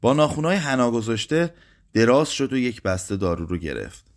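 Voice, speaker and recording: A man reading a literary short story aloud in a slow, somber way. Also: medium pitch, big pitch swings. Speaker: narrator.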